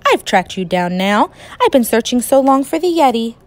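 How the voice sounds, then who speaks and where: A woman voicing an eager, determined young boy who bursts out in high, excited exclamations. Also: moderate pace.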